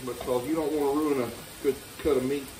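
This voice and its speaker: A man's voice: mid-range voice, steady tone, a little fast, background noise. A middle-aged man co-hosting a home cooking video, joking and bantering while he cuts meat. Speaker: cooking show co-host. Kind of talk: casual home cooking chat. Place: home kitchen, indoors. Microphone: far camera across the room. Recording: echoey kitchen from far off.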